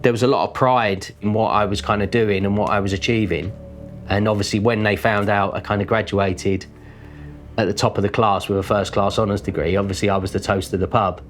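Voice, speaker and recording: A painter from a working-class background, speaking with a London accent, talks reflectively for a documentary in a thoughtful, informal way dotted with "kind of." His lowish voice stays steady and brisk over faint music.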